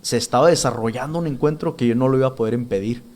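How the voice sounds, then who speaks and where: Casting: male church minister, mid pitch, earnest, stop-start testimony delivery. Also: darkish tone. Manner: earnest, halting, with many restarts and repeated words. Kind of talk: spoken testimony.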